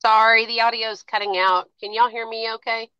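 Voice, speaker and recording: A woman's voice: a little high, little pitch movement, normal speed, pushed and bright, clean tone, no echo. Woman on a glitchy call line. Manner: polite, hesitant questioning. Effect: glitchy audio cutting out over a call line. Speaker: remote meeting participant. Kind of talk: formal meeting question. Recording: dull dry call line.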